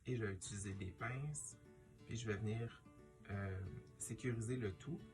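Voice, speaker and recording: A man's voice: lowish voice, moderate pace, over music. A man with a Quebec French accent giving a casual hands-on tutorial, thinking aloud hesitantly as he works. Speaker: sewing tutorial host.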